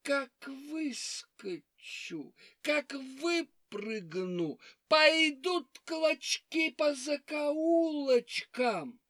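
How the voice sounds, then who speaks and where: Storybook fox, crafty and menacing, slow and hushed, voiced by a woman narrator. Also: high-pitched, animated, dry recording, clean studio sound, pitched above the performer's own voice, exaggerated voice. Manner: slow, hushed, drawn-out threats. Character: sly, menacing female fox.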